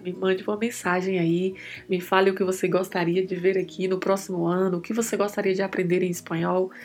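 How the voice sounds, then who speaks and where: Woman teaching Spanish pronunciation slowly. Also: medium pitch, a little mellow. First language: Portuguese. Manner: slow, careful pronunciation drills. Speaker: Spanish teacher and podcast host. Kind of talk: podcast language lesson.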